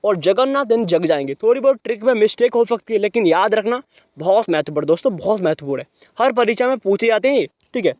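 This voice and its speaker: A young man teaching an exam-prep lesson, repeating memory tricks and answering his own questions in a lower voice. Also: animated, no echo, dull audio. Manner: quizzes himself and answers in a lower voice; repeats mnemonics, brisk and chatty.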